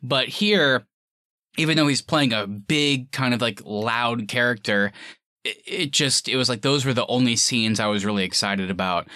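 Male podcast host, bright and forward, enthusiastic informal movie talk, close dry sound. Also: mid-range voice, moderate pace, dry recording. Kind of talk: casual film review chat.

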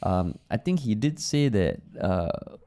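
A man's voice: lowish voice, sing-song, takes it slowly, mellow, clear, resonant tone. A man with a Singaporean accent in a casual, opinionated podcast discussion, speaking colloquial Singlish with particles and casual swearing. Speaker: podcast co-host.

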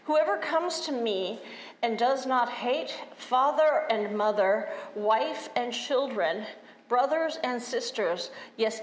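A woman pastor reading liturgy and scripture in a steady, formal voice, heard in an echoing church sanctuary. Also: fairly high pitch. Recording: echoey church sanctuary, faint room noise.

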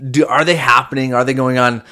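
A man co-hosts a faith-based marriage podcast, speaking earnestly but with frequent restarts and fillers. His mid-range voice has a steady, brisk, sharp tone.

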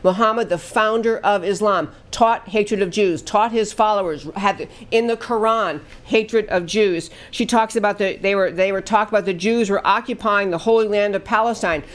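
A woman's voice: medium pitch, moderate pace, hardly any pauses. A middle-aged woman hosting a political talk show, delivering emphatic, indignant commentary that repeats its points.

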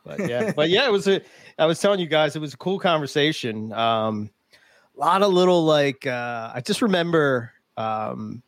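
A man's voice: fairly high pitch, lively intonation, normal speed, no room sound. A man hosting a podcast in casual chat, rambling with lots of fillers and laughs. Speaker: podcast host.

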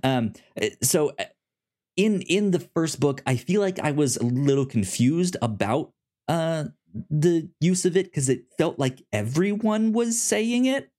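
Fairly high-pitched, expressive, and a little mellow, a young man co-hosting a casual comics podcast speaks haltingly, with many restarts and fillers.

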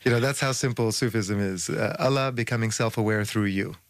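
A male guest on a radio interview lays out his ideas in long, fluent stretches, now and then pausing on an "uh." His voice sits fairly low. The sound is dry and close. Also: no echo. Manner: fluent, explanatory, with occasional uh fillers.

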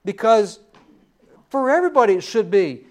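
A man's voice: high-pitched, big pitch swings, moderate pace, darkish tone. A middle-aged man preaching a sermon in a folksy storytelling way, with personal asides.

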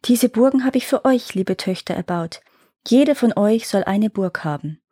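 A woman voicing a gentle fairy mother bidding her daughters farewell, tender and mournful in a storybook tale. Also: fairly high pitch, animated, moderate pace, slightly rough, no room sound, clean studio sound.

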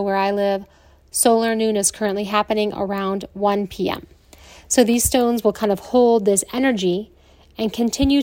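An American woman talks as a yoga teacher giving an informal explanation. Her pitch sits in the middle range for a woman. The recording is dry, with little room sound. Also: a little mellow, no room sound.

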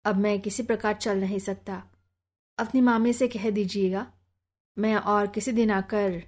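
A woman's voice: mid-range voice, fairly even intonation, darkish tone, natural voice. A woman reading as a courteous young man. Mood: apologetic. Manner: formal, measured speech. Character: earnest, polite young man, reserved and courteous.

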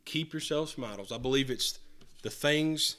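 A man preaching a sermon to a congregation. He talks earnestly, repeats and restarts phrases, and swings between loud and soft. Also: fairly high pitch, moderate pace. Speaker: pastor. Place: church hall with a congregation answering.

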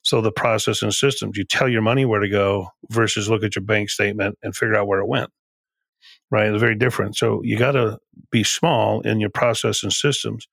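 Brisk and fairly low-pitched, this man's voice has vocal fry, a slightly bright edge, and fairly even intonation, with no echo. He's a CEO on a podcast, talking through leadership with emphasis and frequently restarting or repeating himself in casual interview conversation.

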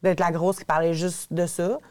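A woman, chatting in animated run-on sentences as a podcast guest. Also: lowish voice, normal speed. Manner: animated, run-on talk with fillers. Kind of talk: casual podcast conversation.

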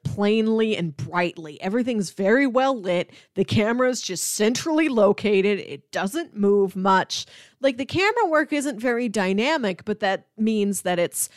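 A woman co-hosting a podcast chats informally about movies, sprinkling "like" throughout her speech. Her mid-range voice is captured with studio quality and no echo.

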